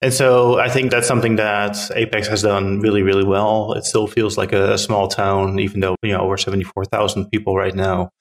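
A man's voice: on the low side, flat delivery, fairly quick, few pauses. A middle-aged man from the Netherlands, a town council member answering interview questions earnestly with frequent fillers and restarts.

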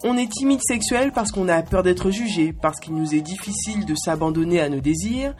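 A woman's voice: fairly low pitch, animated, moderate pace, darkish tone, soft background music. A woman in her twenties hosting a podcast, with a playful, cheeky scripted monologue spoken straight to the listener. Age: 20s. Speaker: podcast host.

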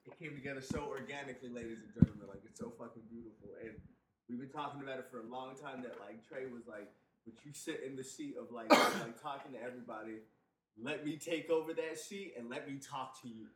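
A man's voice: mid-range voice, fast, fairly bright tone. A man in his twenties hosting a casual, profane podcast chat, rambling with constant "like" fillers. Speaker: podcast host. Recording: echoey room, distant mic.

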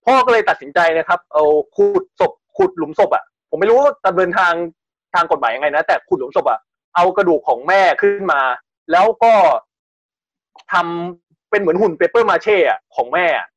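A man's voice: sits high, sing-song, brisk, dry recording, muffled recording. A man casually retelling a strange news story on a podcast, chatty and full of restarts. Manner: chatty, restarts often, acts out quotes.

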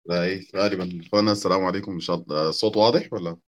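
A man speaking reflectively before reading poetry, measured with some hesitations. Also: deep voice, fairly even intonation, lo-fi sound. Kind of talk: reflective spoken introduction to poetry.

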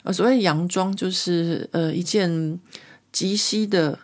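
A woman's voice: lowish voice, slow pace, darkish tone. A woman, hosting a podcast and telling a rambling, chatty story full of fillers. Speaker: podcast host. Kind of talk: casual chat monologue.

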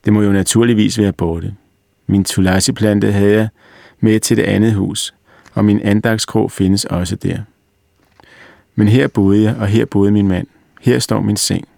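A man reading the lines of a serious little girl who remembers a former life, speaking calmly and with self-assurance. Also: lowish voice, gravelly, no room sound, clean studio sound. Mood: earnest. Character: earnest little girl recalling a past life.

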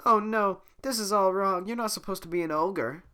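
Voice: normal speed, clear, resonant tone, natural voice. A sick-sounding reader voicing a demanding, indignant young princess in an amateur script reading. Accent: slips into a Scottish lilt. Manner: high, sharp and insistent. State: sick, hoarse throat.

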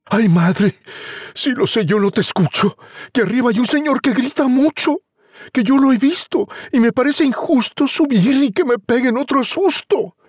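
Storybook boy, cheeky and pleading, voiced by a man, lively and high. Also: measured pace, husky, no echo, studio quality, exaggerated voice. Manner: eager, pleading. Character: boastful cheeky peasant boy.

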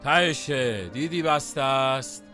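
A man's voice: medium pitch, animated, bright, forceful tone, faint music behind. A man playing a brooding, feverish taxi driver who muses in cryptic, repetitive fragments in a surreal audio drama. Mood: darkly musing. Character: brooding, feverish male taxi driver craving ice lollies.

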